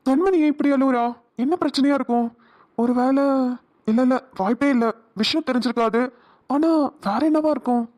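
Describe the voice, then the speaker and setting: A woman's high, darkish voice, close to how she'd normally speak, portrays caring Karthik, a supportive friend in a cartoon drama. She talks at a moderate pace in a soothing, coaxing, earnest manner, with a little hiss or hum in the audio.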